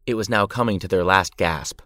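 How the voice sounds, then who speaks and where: A man's voice: low-pitched, a little fast, sharp tone, no echo. A man narrating war history from a script, dramatic with an irreverent edge. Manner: dramatic yet irreverent storytelling.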